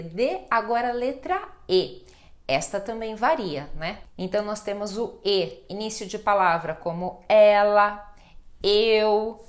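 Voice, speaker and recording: A Brazilian woman teaching Portuguese pronunciation, patient and reassuring as she spells out example words. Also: medium pitch. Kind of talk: slow pronunciation lesson.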